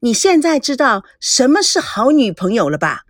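A chatty teenage little sister who thinks she knows everything, as a woman reader puts her on. Her voice is highish and bounces all over the place, coaxing and lively. The recording is dry and close, with no room around it. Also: moderate pace, no room sound. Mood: teasing. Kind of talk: audiobook character voice.

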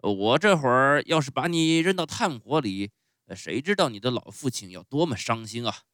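A blustering, bearded puppet-show master, loud and gruff yet soft underneath, as a man reading a storybook puts him on. He barks his words in a raised, forceful voice, lively in pitch. The sound is dry and close. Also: normal speed, no echo, lightly acted. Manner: loud booming scolding with stuttering sneezes.

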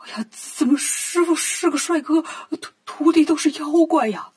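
A woman's voice: a little high, moderate pace, breathy edge. A woman voicing a nervous, chatty old village man in a children's story, homely and flustered.

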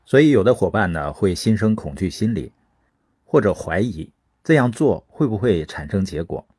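A man speaks in an earnest motivational monologue, his voice low and a little breathy. His delivery swings widely in pitch, and the sound is close and dry. He draws listeners in with rhetorical questions. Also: big pitch swings, moderate pace, a little mellow, dry recording.

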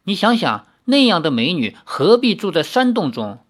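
A man voicing a brash, playful young swordsman in a read-aloud novel, raised high and cheeky. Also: very animated, moderate pace. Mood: teasing.

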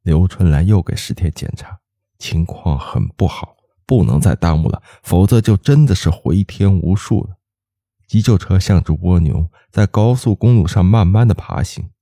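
Male ghost-story reader, deep dark husky voice, lively delivery, dry close sound. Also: moderate pace, no room sound.

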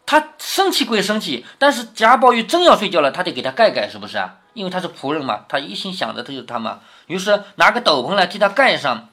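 A man's voice: high-pitched, pushed and bright. A man retelling a classic novel for children in a casual way, stopping often to explain and to ask the listener 'right?'. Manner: explains as he goes, tag questions to the listener.

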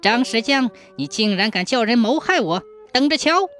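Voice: mid-range voice, lively intonation, normal speed, fairly bright tone, soft background music, close to an everyday voice. Narrator putting on a leering villain overseer. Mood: angry. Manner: smirking, taunting. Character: leering lecherous male overseer, bullying villain.

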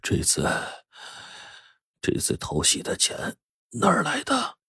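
A man voicing a gravely ill middle-aged farmer and stubborn father, weak and breathy, sometimes flaring up. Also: sits high, wildly swooping pitch, takes it slowly, pushed and bright, no room sound, clean studio sound, pitched above the performer's own voice, heavily acted. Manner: weak and breathy, turning fierce.

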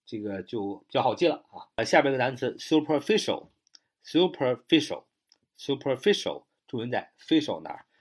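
A man with a slightly husky voice gives an English vocabulary lesson, his pitch rising and falling in lively swings. He spells words out letter by letter and reads the English example sentences slowly, with a drawn-out "ah" between phrases. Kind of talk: explanatory lesson.

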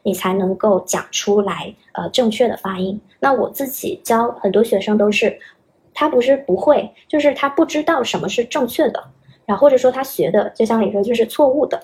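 A woman's voice: on the high side, fairly quick, a little mellow. A young woman, an English teacher, patiently explaining pronunciation as a podcast guest and demonstrating sounds as she goes. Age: young adult.

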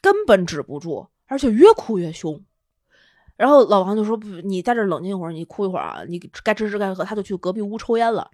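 An animated woman, telling a personal story on a podcast. Her pitch swings widely as she acts out the people in her tale. The recording is dry and close, with no room sound. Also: fast, dry recording. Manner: animated, laughing storyteller with lively quoted dialogue. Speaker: podcast co-host. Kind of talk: casual storytelling chat.

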